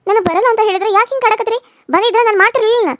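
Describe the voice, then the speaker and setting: Cartoon bride voiced by a woman: stubborn, sharp-tongued young wife, very high and rapid, North Karnataka Kannada accent. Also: no echo, clean studio sound, natural voice. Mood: defiant. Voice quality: sharp, quick retorts. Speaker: voice actor. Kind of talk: cartoon serial voice acting.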